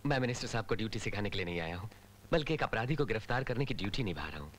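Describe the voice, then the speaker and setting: An actor dubbing a cocky young police officer who talks in a wry, theatrical way. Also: male voice, on the low side, lively intonation, rapid-fire, fairly bright tone, a little hiss or hum. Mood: respectful. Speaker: hero in a dubbed film. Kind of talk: Hindi film dubbing.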